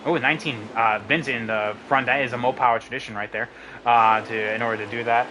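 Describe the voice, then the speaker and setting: A man's voice: mid-range voice, fairly quick, background noise. A young man with a sick voice giving casual, filler-heavy live commentary on an online sim race. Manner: casual, many fillers, excited at race finish.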